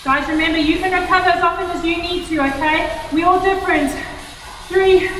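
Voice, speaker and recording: A woman's voice: extremely high pitch, steady tone, fast talker, a little hiss or hum. A woman in her thirties coaching a spin class while cycling hard, out of breath, calling out commands and countdowns with effort. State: out of breath from exertion. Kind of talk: motivational fitness class coaching while riding. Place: indoor gym spin studio, far camera. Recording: echoey gym studio from far off, loud music. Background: workout music.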